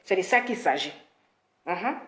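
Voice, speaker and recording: An Ivorian woman hosts an opinionated social media live stream, scolding in an animated way and emphatically repeating her points. Her voice is fairly low, her pace measured, and the sound roomy.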